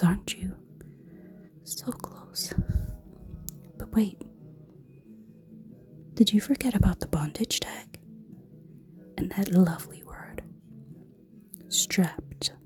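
A woman's voice: mid-range voice, natural voice. Woman whispering as a predatory succubus. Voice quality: soft, breathy whisper. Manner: slow, teasing, commanding. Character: seductive, menacing female succubus. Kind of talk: erotic audio roleplay.

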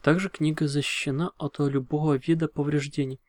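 A man's voice: fairly high pitch, level tone, a little fast, no echo, studio quality, natural voice. A man reading a formal letter written by a studious female unicorn in an audiobook.

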